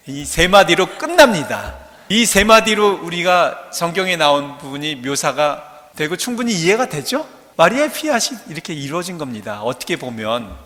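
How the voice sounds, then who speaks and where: A man preaching a sermon in a church, his voice pitched a little high and bright with force. He is playful and acts out short bits of dialogue and dialect jokes. A long reverb hangs on every phrase. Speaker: priest.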